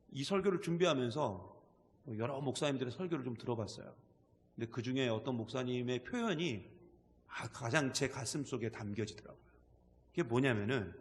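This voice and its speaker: Male pastor, conversational sermon, animated pitch, reverberant hall. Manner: conversational preaching, asks the congregation questions. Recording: long reverb of a church hall.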